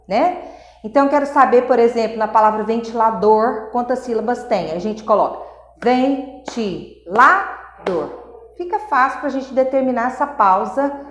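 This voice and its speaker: A woman teacher giving a recorded grammar lesson, explaining patiently, checking in with her students and sounding out syllables and vowels slowly. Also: fairly high pitch. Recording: echoey room.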